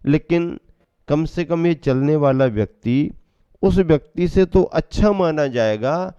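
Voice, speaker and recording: A man giving a sermon as a Jain monk, preaching slowly and measuredly, asking rhetorical questions and answering them himself. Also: on the high side, expressive, dark tone, smooth, no echo, muffled recording.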